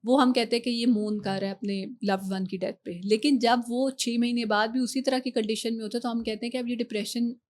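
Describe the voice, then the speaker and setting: A woman being interviewed on a podcast, explaining patiently with examples, slipping English phrases in and pausing on fillers. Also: a little high, fairly even intonation, a little mellow. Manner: measured with hesitant fillers. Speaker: guest expert on relationships.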